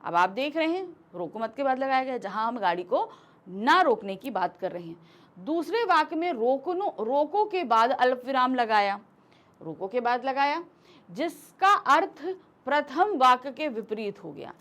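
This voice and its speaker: A woman's voice: sits high, big pitch swings, moderate pace, a bit bright. A woman teacher explaining a grammar lesson step by step, acting out example sentences as she goes.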